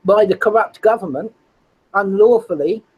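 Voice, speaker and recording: High-pitched, husky man. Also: normal speed, darkish tone, lo-fi sound. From United Kingdom. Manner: blunt, repeats points. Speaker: podcast co-host. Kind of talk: casual discussion.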